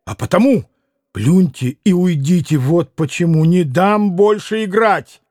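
A man's voice: sits high, unhurried, darkish tone, dry recording, studio quality. A man voicing an indignant young man with a ringing voice who calls a halt to the game.

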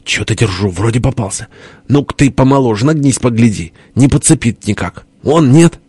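A man voicing a gruff, hot-tempered old father-in-law who barks orders in a hoarse voice. The tone is dark and the recording dry and close. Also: mid-range voice, animated, normal speed, no echo, voice pushed up. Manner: hoarse shouting. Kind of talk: audiobook character voice.

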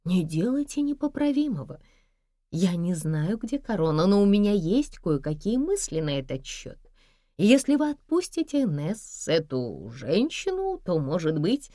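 A woman voicing a heroine who speaks in a measured, conciliatory way under threat. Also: on the low side, sing-song, dark tone, no echo, clean studio sound, voice pushed down. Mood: pleading calm.

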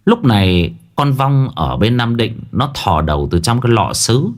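A man's voice: medium pitch, big pitch swings, normal speed. A man narrating a horror story with dramatic storytelling.

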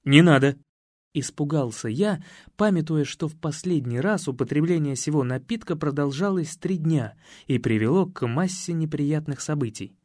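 Lively male audiobook narrator. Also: on the high side, moderate pace, no room sound, clean studio sound. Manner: lively, expressive reading. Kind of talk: scripted narration.

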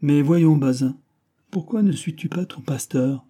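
A man's voice: a little high, a little slow, mellow, voice pushed up. A man voicing a bold, teasing middle-aged musketeer with a big voice and a mocking, swaggering manner.

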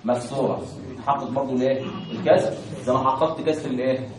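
A man's voice: mid-range voice, steady tone, fast, a crowd in the background. A man with an Egyptian accent teaching Quran recitation, constantly asking questions and having the class answer in call and response. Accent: Egyptian Arabic. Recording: echoey room from a distance.

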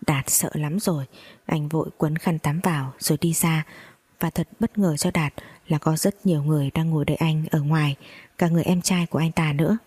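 A woman narrating a dramatic first-person family story in a steady reading voice with gossipy asides to listeners. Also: sits low, brisk, husky.

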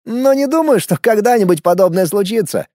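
A man's voice: sits high, animated, brisk, darkish tone, no echo, voice pushed up. A cocky young male musician who drawls his mocking remarks, as a narrator puts him on. His voice is lifted above the reader's own and swings freely. The reading is close and dry. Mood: cocky, sardonic.

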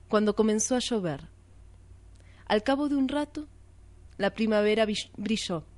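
A woman hosts a radio art program and reads a literary passage in a measured, reflective way, posing questions and then answering them. Her voice sits at a middle pitch. It is recorded close and dry, with no room sound. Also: a little mellow, no echo. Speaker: radio art show host. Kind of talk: slow literary reading for radio.

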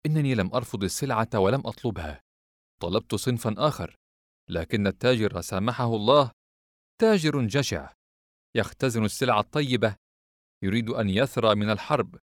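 A man voicing a reserved, melancholy man who speaks in a cool, measured, restrained way in an audiobook. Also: lowish voice, expressive, no echo, clean studio sound, natural voice. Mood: bitter.

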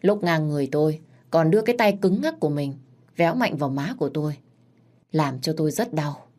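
A woman narrating a first-person audio story. Her voice sits on the low side and she tells the story in a measured, expressive way.

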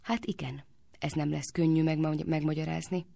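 A woman voicing a sharp-tongued, bossy young girl in a storybook reading, scolding and brisk. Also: low-pitched, steady tone, gravelly, dry recording. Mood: rueful.

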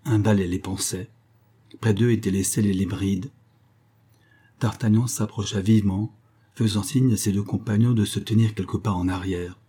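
A man reading a classic novel aloud in measured, even scripted narration. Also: on the low side, slightly rough. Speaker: audiobook reader.

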